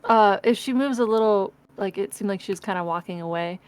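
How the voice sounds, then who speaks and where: A woman's voice: medium pitch, brisk, clear, resonant tone, soft background music. A woman player in a tabletop game, tossing out playful quips and in-character questions.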